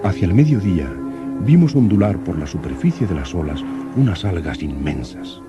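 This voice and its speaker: Low-voiced old radio serial announcer. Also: male voice, sing-song, dull audio. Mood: earnest narration. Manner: formal, measured, literary diction. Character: Axel, young nephew narrating an expedition diary, curious, earnest. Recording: old radio drama with music.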